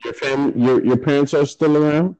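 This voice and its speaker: A man's voice: a little high, steady tone, moderate pace, warm tone, lo-fi sound. A man hosting a casual chat with strangers, laid-back and teasing. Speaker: host chatting with strangers.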